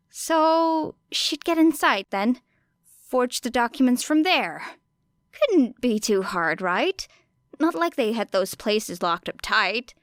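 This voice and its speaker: A female audiobook narrator reads fiction aloud with a wry, dramatic and expressive delivery. Her voice sits at medium pitch, recorded dry in a clean studio.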